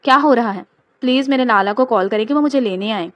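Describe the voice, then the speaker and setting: Woman doing a scared young bride in an audio novel, pleading, kinda high, dry. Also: fairly bright tone, dry recording, close to an everyday voice. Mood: frightened. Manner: pleading, with high frightened cries.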